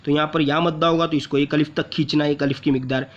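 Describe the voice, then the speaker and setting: A man teaching Quran recitation, explaining pronunciation rules patiently and repeating syllables slowly to demonstrate them. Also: a little high, flat delivery. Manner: patient, repeats syllables and drags out long vowels while demonstrating. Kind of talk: explaining tajweed rules step by step. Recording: muffled lo-fi audio.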